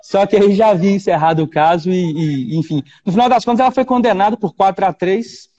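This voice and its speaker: A Brazilian man tells a courtroom story in a high voice with a mellow tone, stumbling into repeated words and fresh starts. The sound is dull and lo-fi. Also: a little fast. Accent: Brazilian Portuguese. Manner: animated storyteller, frequent repetitions and restarts. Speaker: defense lawyer, guest. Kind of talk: storytelling interview.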